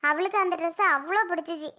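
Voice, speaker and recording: A woman's voice: very high voice, fast, sharp tone. A woman voicing a kind, patient middle-aged aunt who soothes and coaxes a child in a cartoon. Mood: soothing. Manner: soothing, coaxing, motherly. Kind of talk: cartoon voice acting.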